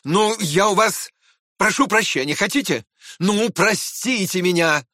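A man's voice: high-pitched, unhurried, no room sound, studio quality, voice pushed up. A man voicing a snappish proud prince. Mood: agitated, pleading. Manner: snappish, shouting and scolding. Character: irritable proud aristocratic prince, middle-aged man.

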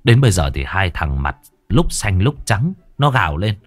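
Lively, crude-talking male storyteller. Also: sits low, moderate pace, dry recording, faint music behind. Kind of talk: casual spoken story narration.

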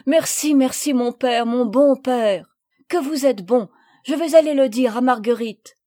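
A woman voicing an eager, excited young son. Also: high voice, measured pace, voice pushed up. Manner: excited, breathless, exclaiming.

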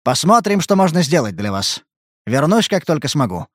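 A man doing a gruff, irritable detective. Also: a little high, big pitch swings, moderate pace, no echo, clean studio sound, voice pushed up. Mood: curt. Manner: curt, blunt, growling. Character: gruff, irritable hard-bitten male detective. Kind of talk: audiobook character reading.

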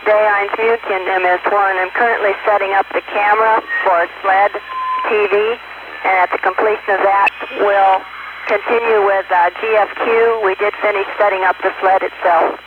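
A man's voice: high-pitched, little pitch movement, moderate pace. Man on tinny breaking-up space radio. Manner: clipped radio procedure, repeats call signs. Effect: breaking-up space radio from orbit. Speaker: crew member aboard spacecraft. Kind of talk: mission radio communication. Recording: tinny radio link with static.

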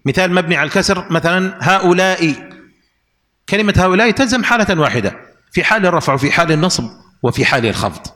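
A man's voice: sits high, animated, fast talker, pushed and bright, long reverb tail. A man teaching an Arabic grammar lesson, explaining rules through repeated examples and questions to his students.

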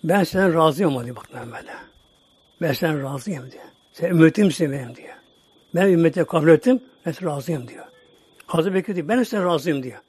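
A man preaches by telling a story with emotion, acting out each speaker's lines. His voice is somewhat high and husky. It is recorded dry and close. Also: lively intonation, fast talker, a little mellow, no room sound. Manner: emotional retelling with acted dialogue. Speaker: religious teacher. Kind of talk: storytelling sermon.

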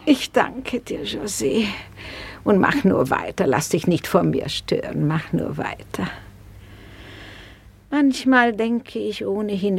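An actress playing an older, weary and sharp-tongued lady of the house in a radio play, who speaks slowly and mocks. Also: on the high side, slightly rough, full character voice. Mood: musing. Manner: slow, weary, sharp, mocking.

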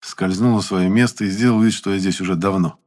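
Man, low voice, wry first-person audiobook narration, ironic. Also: steady tone, a little fast, a little mellow.

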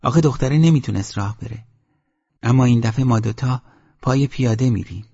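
A man's voice: mid-range voice, mellow, breathy edge, pitched above the performer's own voice. A man reading the lines of a weary village aunt in an audiobook, in a plain, matter-of-fact way, on a dull lo-fi recording. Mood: flat resigned.

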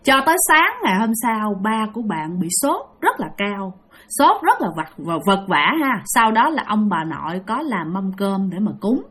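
A woman's voice: medium pitch, moderate pace. A woman telling a ghost story to her listeners, acting out the scenes as she goes. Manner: lively, acts out the scenes and quotes.

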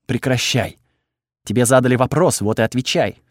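A man's voice: mid-range voice, moderate pace, no echo, natural voice. Impatient, scolding goddess, read by a man, dry close sound. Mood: stern. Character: stern female goddess, impatient.

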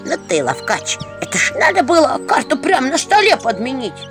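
A woman voicing a pair of cheeky little male imps who chatter in excited, squeaky voices. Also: a little fast, music in the background.

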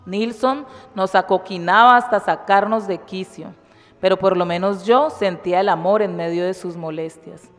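A woman's voice: mid-range voice, normal speed. Woman reading her memoir aloud. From Cali, Colombia. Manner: chatty, laughing intro, then lively storytelling reading. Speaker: community participant reading from a women's book. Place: community cultural house. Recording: long reverb with faint music behind.

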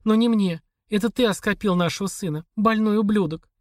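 A man raising his voice high to play a worn-down, bitter wife who speaks in a hoarse, rustling half-whisper. She pleads and accuses through the strain, pitched well above a man's usual talk, and the dry recording keeps the voice close. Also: a little fast, dry recording, natural voice. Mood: hateful. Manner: pleading then hissing with hatred.

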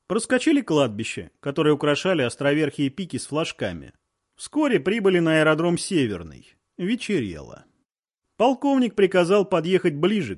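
Man narrating a war story. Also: a little high. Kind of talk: audiobook narration.

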